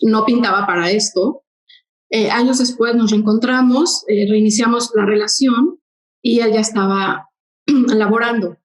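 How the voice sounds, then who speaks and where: A woman from Mexico City, a podcast guest, tells her story conversationally, with hesitant fillers and quick bursts. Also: a little high, steady tone, roomy sound, poor audio. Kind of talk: interview storytelling.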